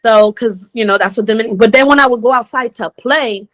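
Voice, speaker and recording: A woman in her forties from Rhode Island talks through her story as an interview guest, with a slightly high voice. She is lively and chatty and laughs easily as she goes. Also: fast talker. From Rhode Island, United States. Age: 40s. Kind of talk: casual interview chat.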